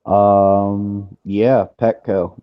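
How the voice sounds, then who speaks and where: Speaking very slowly with little pitch movement, a man of about thirty rambles casually through a gaming headset as he streams, relaxed and full of fillers. His voice is on the low side, with no room sound and dull lo-fi audio.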